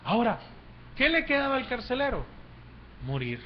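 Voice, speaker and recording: A man preaches in church. He shifts from quiet, dropped phrases to loud, climbing exclamations. The recording sounds dull and lo-fi, with faint noise behind him. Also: very animated, normal speed. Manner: swings between hushed low words and loud, rising exclamations. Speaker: pastor. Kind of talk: sermon.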